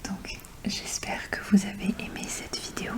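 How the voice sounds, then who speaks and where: Woman whispering close in your ear. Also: normal speed. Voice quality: breathy, unvoiced whisper. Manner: informal, chatty. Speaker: ASMR video creator. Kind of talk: soft-spoken ASMR show and tell.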